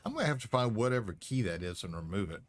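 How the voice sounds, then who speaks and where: A man's voice: on the low side, animated, quick pace. A man streaming a space game, chatting casually and talking back to the game. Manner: rambling, talks back to the game. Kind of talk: casual chat while playing.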